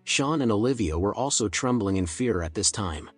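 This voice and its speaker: A man narrating a scripted story in an even, steady storytelling manner. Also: fairly low pitch, normal speed, husky, soft background music.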